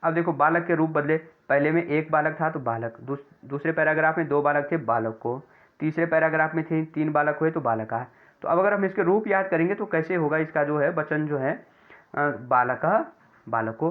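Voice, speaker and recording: A man teaching a grammar lesson to children, speaking slowly, repeating words and correcting himself as he goes. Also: on the high side. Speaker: Sanskrit teacher. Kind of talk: classroom lesson explaining grammar. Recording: tinny phone-like sound.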